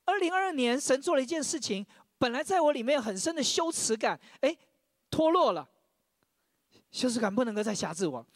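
A man's voice: extremely high pitch, very animated, fairly quick, dry recording, studio quality. A man preaching a sermon, sharing his own testimony, often stammering over repeated words and leading the congregation in reading scripture aloud.

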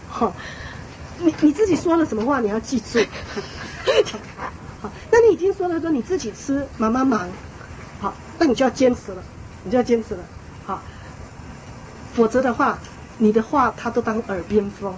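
A woman giving a lecture on parenting to an audience, lively and emphatic, repeating phrases and laughing lightly as she talks. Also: on the high side, a little hiss or hum, low-quality recording. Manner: frequent small laughs. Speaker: parenting speaker.

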